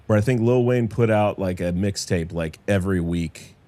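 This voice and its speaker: A man's voice: low-pitched, moderate pace, dark tone. A man hosting a casual podcast chat, talking loosely with lots of fillers and jokes. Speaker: podcast host. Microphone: remote call.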